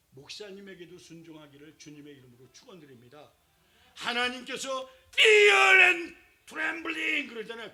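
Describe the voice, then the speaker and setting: Animated high-voiced male pastor preaching. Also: slight background noise, rough recording. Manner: animated, swings from low asides to loud shouts; acts out the people in his story with voices. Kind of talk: sermon.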